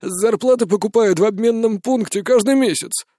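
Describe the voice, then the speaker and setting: A man's voice: high-pitched, fairly quick, mellow, no echo, studio quality, voice pushed up. A man reading an audiobook, voicing a flustered elderly father who rambles in a simple, hesitant way. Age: older.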